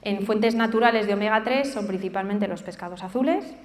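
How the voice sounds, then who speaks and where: A woman's voice: mid-range voice, fairly quick. A woman answering questions as a nutrition specialist, explaining informally and often checking that she is understood. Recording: echoey hall with long reverb.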